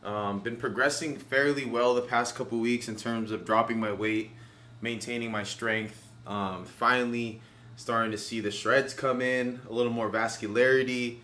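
A young man raised in Los Angeles, chatting casually in a vlog with a relaxed, rambling manner full of fillers. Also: lowish voice. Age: young adult. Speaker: vlogger, aspiring fitness coach. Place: living room indoors. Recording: roomy and distant with music.

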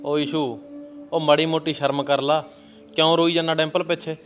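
A man's voice: a little high, level tone, normal speed, soft background music, close to an everyday voice. An actor playing a blunt brother who mocks his sibling. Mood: mocking. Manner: mocking, blunt. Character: mocking older brother teasing his sibling.

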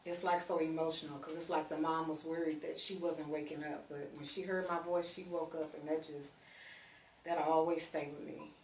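Woman guest, real low voice, earnest and emotional, echoey room off mic. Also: little pitch movement, moderate pace, a little mellow, recorded from a distance, slight background noise. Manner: earnest, emotional when telling stories. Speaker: guest, charity organizer. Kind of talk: casual interview chat.

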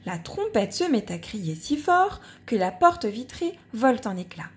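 A woman narrating a children's storybook aloud in a playful, expressive read-aloud style. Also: fairly high pitch, a little slow. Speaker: storybook reader.

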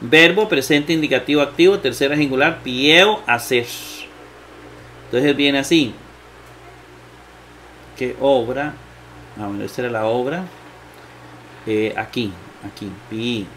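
A man teaching Greek grammar in a slow lecture, thinking aloud with many fillers and asking himself rhetorical questions. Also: mid-range voice, fairly bright tone, slight background noise. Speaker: Bible exegesis teacher.

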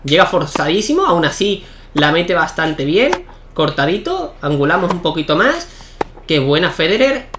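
A young man giving excitable live commentary while playing a tennis video game, shouting at key points. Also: a little high, normal speed, a little hiss or hum. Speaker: gaming YouTuber.

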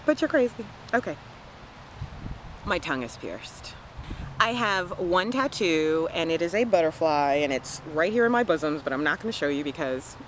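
On a tree-lined lawn, a D.C.-area woman in her forties vlogs a casual chat to camera, her fairly low voice full of laughter and lively self-mocking asides. The camera mic is close, but the audio is poor, with a little hiss or hum.

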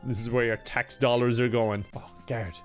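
A man's voice: medium pitch, moderate pace, soft background music. A young Irish man commenting as he plays a video game, joking, laughing often and yelping in panic. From Ireland. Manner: excitable, jokey, laughs often, yelps in panic. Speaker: gaming YouTuber. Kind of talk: let's play commentary.

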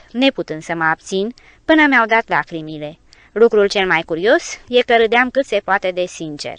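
A woman reads an adventure novel aloud in a measured, expressive storytelling voice. Her tone is smooth and resonant, set in a dry, close recording with no room sound. Her pitch sits in the middle range for a woman. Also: no room sound. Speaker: audiobook narrator. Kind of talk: scripted audiobook narration.

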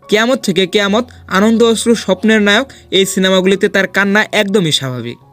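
A man with a high-pitched voice hurries briskly through a ranked film countdown, reading a scripted voice-over as the video's host. Soft music sits beneath his expressive, dramatic, persuasive delivery.

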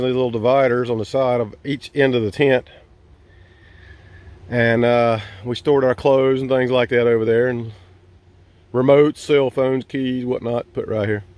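A man's voice: medium pitch, little pitch movement, moderate pace, a little mellow, no room sound. Easygoing man touring his tent campsite. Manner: easygoing, folksy, hesitant with fillers. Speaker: vlogger giving a campsite tour. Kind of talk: casual walkthrough narration. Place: campsite outdoors and inside a large tent. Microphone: handheld camera mic, filming himself walking.

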